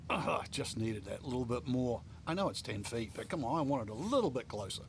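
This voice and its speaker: A man's voice: medium pitch, big pitch swings, a little fast, vocal fry, a little hiss or hum. A man giving conversational, opinionated golf commentary as an analyst.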